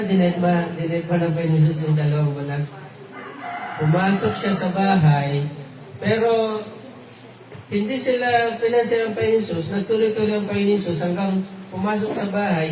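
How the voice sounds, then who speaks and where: A man teaching a verse-by-verse Bible study, quizzing his listeners with light laughs and mixing in English phrases. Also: high voice. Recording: echoey room, mic far off, noisy.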